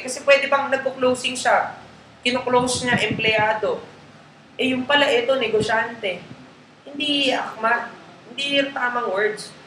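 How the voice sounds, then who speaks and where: High-pitched, pushed, and bright, a man leads a live network marketing training, speaking casual Tagalog mixed with English and frequently checking in with his group. There's faint background noise under a roomy echo.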